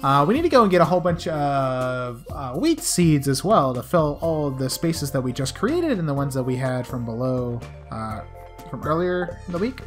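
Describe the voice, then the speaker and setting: A young woman with a low, slightly scratchy voice chats through a video game as host. Her delivery is playful and lively in pitch, with soft game music behind her. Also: normal speed. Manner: playful, chatty, talks to game characters. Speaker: let's play host. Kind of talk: casual game commentary.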